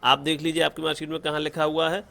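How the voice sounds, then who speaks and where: This male tutorial presenter speaks fast in a slightly high, level voice that sounds gravelly, bright and forceful. Speaking Hindi sprinkled with English terms, he walks viewers through a screen tutorial one step at a time and often pauses for an "okay."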